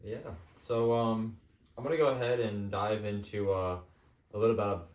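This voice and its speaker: A man hosting a podcast, talking casually and personally in an informal, somewhat halting way. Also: fairly low pitch, fairly even intonation, darkish tone. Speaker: podcast host. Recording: echoey room.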